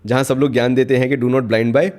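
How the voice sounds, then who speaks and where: Casting: man, mid-pitched, easygoing reviewer, code-switches Hindi and English, animated. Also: fairly quick. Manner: chatty Hindi-English code-mixing, animated, addresses viewer directly. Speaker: fragrance reviewer. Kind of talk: casual chat.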